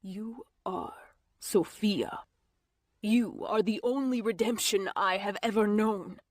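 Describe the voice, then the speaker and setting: Woman reader doing a wounded male lover: breathy, slow, pleading, dry booth. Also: medium pitch, no echo. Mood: grave pleading. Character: brooding wounded male vampire-like lover, grave. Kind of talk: audiobook character voicing.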